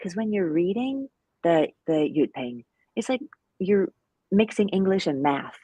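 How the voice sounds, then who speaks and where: A woman's voice: lowish voice, expressive, unhurried, warm tone, slightly rough, dry recording. A woman co-hosting a live language lesson, chatting casually with many fillers and little self-deprecating laughs. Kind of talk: casual live-stream teaching chat.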